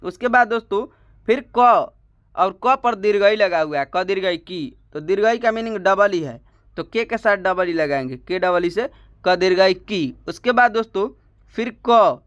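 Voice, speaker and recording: A man teaching a step-by-step spoken lesson, slow and repetitive, often asking a question and then answering it himself. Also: high voice, lively intonation, fairly bright tone, dry recording, dull audio.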